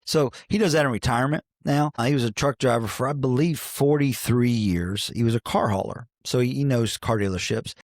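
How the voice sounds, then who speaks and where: A man's voice: medium pitch, a little fast, hardly any pauses, no room sound, studio quality. A man in his forties from Cincinnati, a coach who is a podcast guest, telling stories in an earnest, folksy way with many restarts. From Cincinnati, Ohio, United States. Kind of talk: reflective conversational storytelling. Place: podcast studio.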